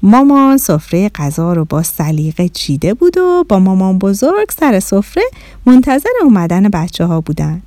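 A woman narrating a children's story in a lively, expressive way. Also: medium pitch, no echo.

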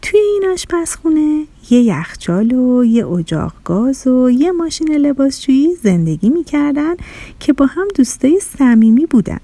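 A woman's voice: high-pitched, big pitch swings, no room sound. Woman telling a children's story. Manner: warm storybook telling, playful rhyming words.

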